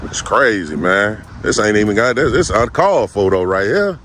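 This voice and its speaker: A man's voice: fairly low pitch, sing-song, moderate pace, fairly bright tone, a little hiss or hum. A man filming officers outdoors, talking casually and informally, often repeating himself and laughing in disbelief. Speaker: citizen journalist filming an arrest. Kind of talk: casual confrontational talk with officers. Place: outdoors on a street.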